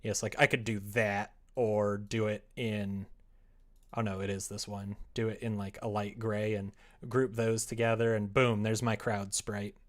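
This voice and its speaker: Speaking a little slowly in a fairly low, level voice, a livestreamer talks casually as he works on his visual novel. His chatter wanders, and he thinks aloud with self-deprecating humor.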